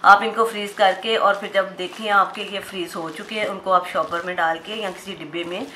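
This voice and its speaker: Woman cooking host, bright chatty voice, step-by-step home recipe, roomy kitchen echo with frying behind. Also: medium pitch, fairly even intonation, a little fast. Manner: chatty, step-by-step, addresses viewers directly. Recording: roomy kitchen echo, faint background noise. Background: oil frying in a pan.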